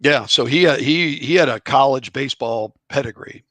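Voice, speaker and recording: A middle-aged man, once a college ballplayer and now an author, tells chatty, rambling anecdotes as a guest on a podcast interview, in a relaxed storytelling mood. His mid-range voice moves at normal speed with a fairly bright tone, and the recording is dry.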